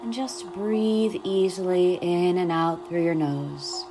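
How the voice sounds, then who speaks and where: A woman guiding a meditation in a soft, soothing manner, speaking slowly and gently. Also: on the low side, steady tone, over music. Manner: soft, slow, soothing delivery. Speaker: podcast host and meditation guide. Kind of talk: guided meditation.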